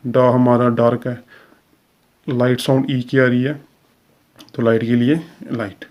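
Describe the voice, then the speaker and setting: Flat-voiced man teaching step by step. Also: mid-range voice. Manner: steady step-by-step explaining, many fillers. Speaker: shorthand teacher. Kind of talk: recorded tutorial lesson.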